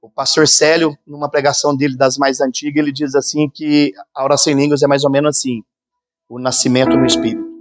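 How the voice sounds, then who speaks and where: A man's voice: mid-range voice, flat delivery, quick pace. A man preaching a fervent sermon as pastor at a church conference, acting out the voices of the people he quotes. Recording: sermon with music playing underneath.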